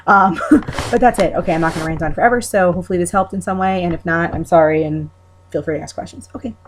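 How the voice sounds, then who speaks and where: A woman's voice: fairly low pitch, fast. A woman with a Long Island accent, talking casually and hesitantly as she explains things in a rambling, informal way. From Long Island, New York, USA. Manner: informal, hesitant, thinking aloud. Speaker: video maker explaining her accent.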